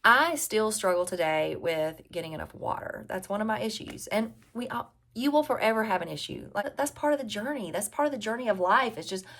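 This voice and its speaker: Woman, forties, Southern US drawl, medium pitch, casual health coach talk, conversational, emphatic, repetitive for emphasis. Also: lively intonation, a little fast, hardly any pauses, a bit bright. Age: 40s. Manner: conversational, emphatic, repeats key phrases. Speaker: health and weight-loss coach. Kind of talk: casual advice talk to viewers.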